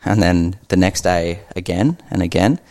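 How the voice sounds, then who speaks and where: Aussie guy on a podcast, low gravelly voice, super laid-back, swears a lot. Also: normal speed, dark tone. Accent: Australian. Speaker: guest, gym co-founder. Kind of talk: casual podcast chat.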